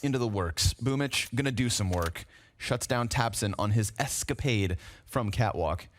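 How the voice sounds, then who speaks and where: A man casting an esports match play by play, lively and jokey, swinging into a dramatic trailer-style voice at times. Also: medium pitch, normal speed, slight background noise. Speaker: play-by-play caster.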